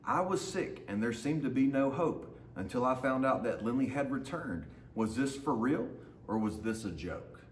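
His mid-range voice is expressive and moves at a normal speed as this man in his thirties, a teacher, reads a picture book to students and adds quick remarks to them. The sound echoes roomily through a large, hard-floored indoor lounge, with faint noise behind.

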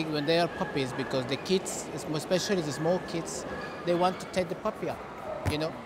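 A high-voiced middle-aged man, a Costa Rican dog breeder who speaks Spanish natively and has a Costa Rican accent, answers interview questions in a conversational way. The background is noisy, with the echo and commotion of a crowded indoor dog show hall.

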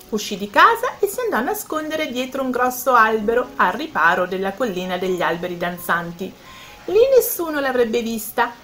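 Lively woman reading a kids' story. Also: on the high side. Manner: animated, speaks directly to the children. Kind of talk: children's bedtime story narration.

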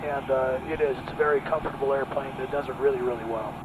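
A middle-aged man, a pilot for an aircraft company, explaining enthusiastically and at a measured pace in a small plane's cockpit through a headset mic. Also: mid-range voice, steady tone, background noise. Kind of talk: casual cockpit conversation. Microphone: headset boom mic. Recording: loud engine drone behind.

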